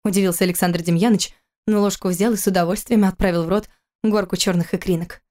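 A woman reading an audiobook in an even, measured way. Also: medium pitch. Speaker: audiobook narrator. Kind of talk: scripted narration.

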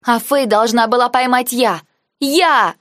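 A woman's voice: lowish voice, measured pace, no echo. Distraught young heroine, pleading and hurt, woman narrator voicing her, dry recording. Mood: upset, shouting. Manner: pleading, then shouting in anger.

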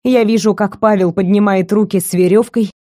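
A woman narrating a first-person novel as an audiobook, telling it in an expressive, intimate way. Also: medium pitch, fairly quick, dry recording, studio quality.

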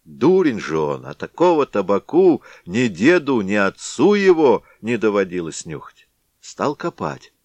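A man's voice: on the low side, no room sound. A man reading a storybook aloud as narrator, telling the tale expressively.

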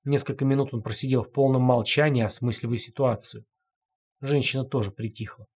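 A man reading a grim story as an audiobook narrator, in a measured storytelling manner. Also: medium pitch, fairly even intonation, a little mellow, husky.

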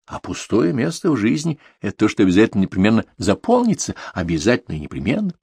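Low raspy guy reading a story like he's talking to his son, really up and down, dry mic. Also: sing-song, fast talker, darkish tone, no echo. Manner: intimate, addressing his son. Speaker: narrator. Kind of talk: audiobook reading of a confessional novel.

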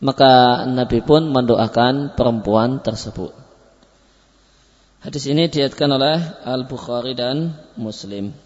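A male religious teacher lectures, pausing on fillers and correcting himself as he explains. His mid-range voice carries a long reverb from a large hall. The recording is muffled and lo-fi. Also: mid-range voice, darkish tone. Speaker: Islamic teacher.

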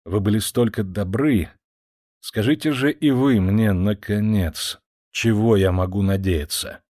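A man reading an audiobook voices a coarse, hot-tempered older male cavalry officer with a low, gruff, sneering manner. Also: measured pace, darkish tone, no echo, studio quality, lightly acted. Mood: pleading.

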